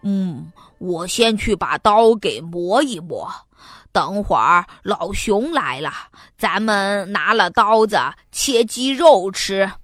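A woman voicing a gruff, gullible old male wolf in a children's story, bossy and blustering. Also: medium pitch, expressive, slow pace, a bit bright, no room sound, clean studio sound, pitched below the performer's own voice. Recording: music playing behind. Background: background music.

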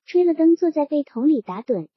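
A woman reading a novel aloud with an even storytelling delivery. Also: high voice, a little fast, dry recording. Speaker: audiobook reader. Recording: dry dull lo-fi recording.

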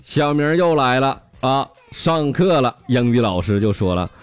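A male comedian with a Northeastern Mandarin accent tells jokes in a slangy, animated way, stammering through quick restarts. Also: mid-range voice, smooth, no room sound, soft background music. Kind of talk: stand-up joke telling.

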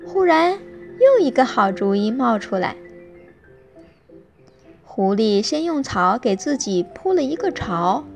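A woman gently narrating a bedtime story to children in an expressive storytelling voice. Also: on the high side, unhurried, vocal fry, long pauses, faint music behind.

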